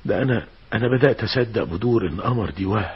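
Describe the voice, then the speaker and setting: An actor playing a grieving, weary husband who speaks in a mournful, sighing, despairing way with an Egyptian accent, as in a 1960s Egyptian radio drama. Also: male voice, on the low side, lively intonation, rapid-fire, breathy edge, dull audio. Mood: heartbroken. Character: grieving middle-aged husband, heartbroken and weary.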